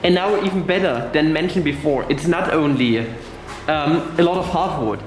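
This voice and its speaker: Excitable man vlogging in an echoey workshop. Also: a little high, normal speed. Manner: excitable, exclaims and swears about the wood. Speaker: woodworking vlogger. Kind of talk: casual vlog narration. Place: woodworking workshop.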